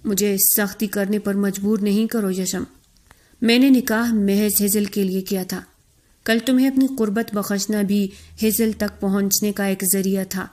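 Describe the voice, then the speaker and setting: A woman's voice: fairly even intonation, a little mellow, lightly acted. A woman voicing a proud, angry young man who speaks with cold contempt in a storybook reading. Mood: contemptuous. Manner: cold, contemptuous, growling low.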